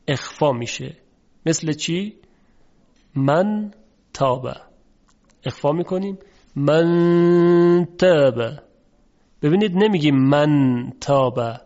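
A man teaching a recorded recitation lesson, formal and polite, who explains patiently and stretches sounds out slowly to show them. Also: on the high side, darkish tone, dull audio.

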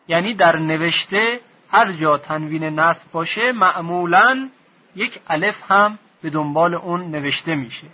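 Husky-voiced man teaching a slow lesson. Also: on the high side, dull audio. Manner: slow, repeats definitions, drills sounds aloud. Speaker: Quran recitation teacher. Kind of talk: recorded lesson.

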